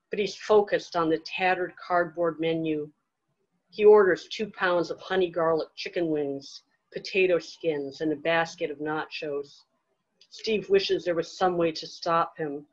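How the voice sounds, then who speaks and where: A woman author reading her own fiction aloud in a measured, deliberate way. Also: low-pitched, slightly rough. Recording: dull lo-fi event audio.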